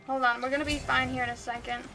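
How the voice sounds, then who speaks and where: A woman's voice: high voice, little pitch movement, quick pace, music in the background. A woman livestreamer giving chatty, giggly gaming commentary, laughing often.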